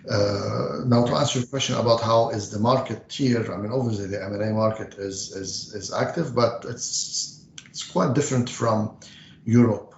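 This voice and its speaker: A man's voice: on the low side, creaky, reverberant, lo-fi sound, slight background noise. A middle-aged man from Lebanon, a banker answering interview questions with many hesitations. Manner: measured, frequent hesitations. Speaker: investment banker guest.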